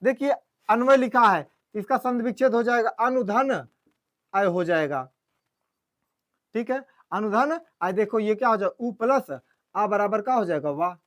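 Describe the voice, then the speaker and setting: A man's voice: high voice, normal speed, a bit bright, no echo. A man teaching a grammar class, explaining step by step and often checking that his students follow. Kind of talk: classroom lecture.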